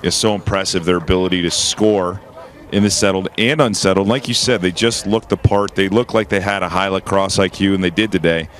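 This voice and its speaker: A man's voice: sits low, fairly even intonation, brisk, fairly bright tone. A man giving sideline analysis at an outdoor lacrosse game, enthusiastic and joking. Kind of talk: live sports color commentary. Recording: outdoor field noise.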